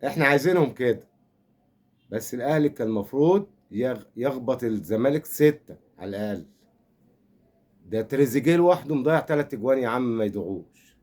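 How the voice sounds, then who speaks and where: A fast-talking older man with an Egyptian accent, using a mid-range voice with lively intonation and a darkish tone, gives a comic football rant. The fan commentator rambles, teases and offers mock sympathy.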